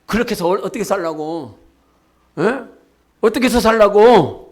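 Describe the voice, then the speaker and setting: A man preaching a sermon as pastor, talking directly to his congregation and leading them in shouted declarations. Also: sits high, lively intonation, normal speed. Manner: often asks the congregation "예?" and talks to them directly. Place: church sanctuary.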